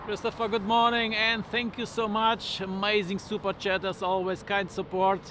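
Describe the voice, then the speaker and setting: A male livestream host with a high-pitched voice chats casually. Outdoor vehicle noise is clearly heard behind him. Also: little pitch movement, normal speed.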